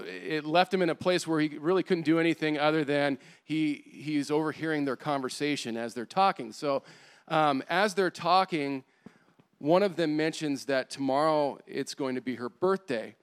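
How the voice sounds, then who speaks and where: A man preaching a sermon, telling a story in an animated way with many fillers. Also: on the high side, normal speed, clear, resonant tone. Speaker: pastor. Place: church service.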